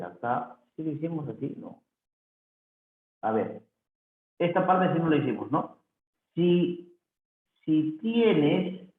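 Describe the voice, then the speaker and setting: A man teaching a grammar review lesson, slowly reading answers aloud and repeating them for the student. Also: a little high. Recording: echoey, phone-like lo-fi audio.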